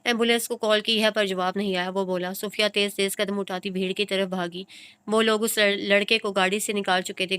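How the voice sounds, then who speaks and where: Brief: female audiobook narrator, measured reading, crisp voice, little pitch movement. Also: fairly bright tone. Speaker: novel narrator. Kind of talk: audiobook narration of a romance novel.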